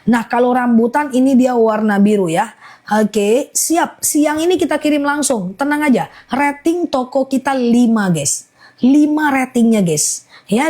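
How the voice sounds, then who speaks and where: Woman, live-stream seller, fairly high voice, quick chatty listing. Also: darkish tone. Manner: rattles off long lists, chatty, reads out buyers' comments. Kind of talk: live-stream sales pitch.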